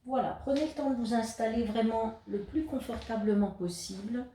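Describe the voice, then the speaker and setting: A woman who teaches yoga, guiding a yoga nidra meditation with slow, calm instructions and gentle repetition. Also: a little high, roomy sound, a little hiss or hum.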